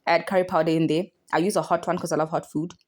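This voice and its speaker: A woman's voice: on the low side, flat delivery, fast talker. A young woman from South Africa with a South African accent, talking viewers through a recipe in a playful, sing-song way. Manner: playful, sing-song chanting while stirring. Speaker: cooking vlogger. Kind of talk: casual cooking tutorial.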